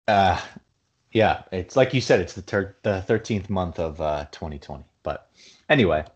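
Animated, profane ranting man. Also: low voice, normal speed. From New Jersey. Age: adult, married. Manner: profane ranting, grows loud and heated. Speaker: podcast co-host. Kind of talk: casual chat.

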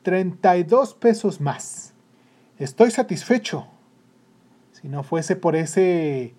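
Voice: mid-range voice, slow pace, darkish tone, lightly acted. A narrator voicing a weary working father who scolds his son in a raised, emphatic voice. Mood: pleased.

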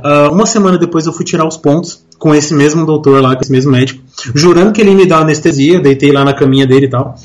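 A man's voice: on the high side, fast, faint music behind. A man on a voice call, telling a long story to friends in casual chat with lots of slang and acted-out lines. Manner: animated, slangy, acts out other people's lines. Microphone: headset or desk mic on a voice call.

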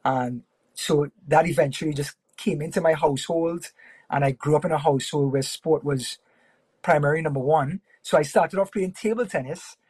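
Husky-voiced male sports broadcaster. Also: fairly high pitch, no room sound. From Trinidad and Tobago. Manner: relaxed, friendly, with fillers and pauses. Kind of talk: casual interview chat.

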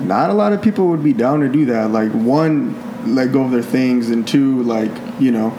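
Guy hosting a casual interview, normal pitch, echoey room, bg noise. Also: normal speed. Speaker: podcast interviewer.

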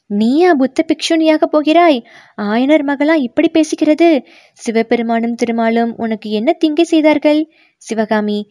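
Brief: woman reading a teasing young prince, bright and higher-set, close and dry, audiobook. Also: dry recording, close to an everyday voice. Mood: incredulous. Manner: bantering, scolding.

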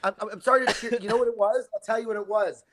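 A man from Canada with a standard American, Californian accent, chatting casually and jokingly in an animated, sarcastic way. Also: high voice, very fast. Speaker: studio guest.

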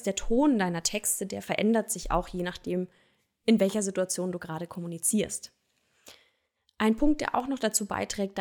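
An encouraging woman talks straight to her listener, coaching them through business tips in a solo episode. Her pitch sits in a middle range, and she keeps her manner direct and warm-hearted. She freely mixes English marketing terms into her speech. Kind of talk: solo tips podcast on copywriting.

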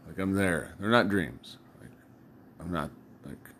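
A man's voice: sits low, a little slow, a bit bright, slight background noise. A man talking casually in a loose, rambling monologue, cursing and chuckling as he recounts things. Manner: loose storytelling with swearing and laughs.

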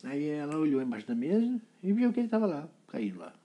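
Man spinning a kids' story, playful, husky and warm. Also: a little high, quick pace. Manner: playful, animated storytelling with sound effects. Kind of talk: improvised children's story.

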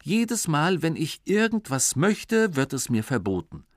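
A man reading as a cheeky little schoolboy from a storybook, whining and wheedling in a high, bouncy voice that leaps up and down. The voice sounds close and dry. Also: big pitch swings, a little slow, no echo. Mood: pleading. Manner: whiny, wheedling.

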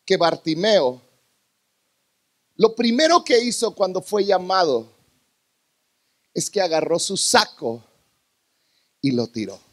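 A man preaching a sermon to a congregation in a church, dramatic, swinging from loud bursts to hushed lows.

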